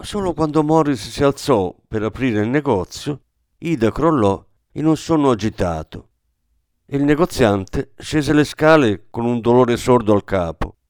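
A man narrating a novel aloud in a measured, storytelling manner, raising his pitch for the characters' quoted lines. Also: expressive, darkish tone, no room sound, studio quality. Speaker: audiobook narrator. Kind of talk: scripted narration.

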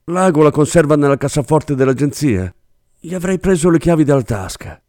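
A man voicing a scared young male clerk who pleads in a high, strained, hurried voice, in an audiobook reading. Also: animated, darkish tone, dry recording, studio quality, close to an everyday voice. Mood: frightened, pleading.

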